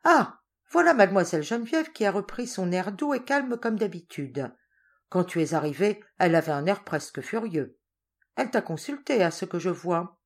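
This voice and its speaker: Woman reading a teasing brisk older lady cousin, lowish, very sing-song. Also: very animated.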